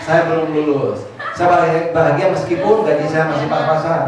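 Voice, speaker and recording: A man's voice: on the high side, brisk, a loud crowd. A man giving a motivational seminar talk who keeps calling on the audience to answer, mixing in English phrases. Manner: lively, calls on the audience to answer. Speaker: motivational speaker. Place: large hall with an audience. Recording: echoey hall, far mic, noisy.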